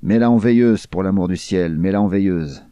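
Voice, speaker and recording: Man voicing a flat, growling gangster. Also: fairly low pitch, moderate pace, dry recording, lightly acted. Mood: menacing. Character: menacing wary male gangster holding a gun.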